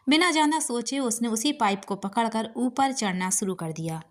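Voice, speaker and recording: A woman narrating a romance story with a steady, expressive reading. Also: on the high side.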